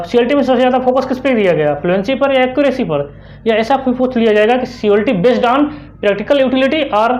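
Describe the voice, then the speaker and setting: A young woman with an Indian accent teaching an online exam-prep lesson, putting quick questions to the class and answering them herself, repeating the key terms. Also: mid-range voice, darkish tone. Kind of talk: explanatory online lecture.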